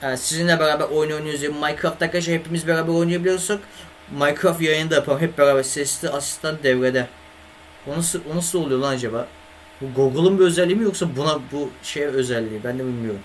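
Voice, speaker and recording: A young male gaming streamer with a slightly high voice races along from his home setup on a desk microphone, with a little hiss or hum in the recording. He chats casually with viewers, talks to chat, and swears and grumbles at his computer.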